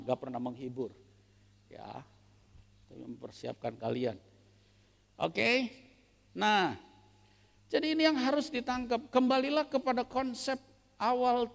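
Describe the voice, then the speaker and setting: A man preaching a sermon as pastor, playful and animated, asking the congregation rhetorical questions. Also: fairly high pitch, vocal fry, in a large hall. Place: church.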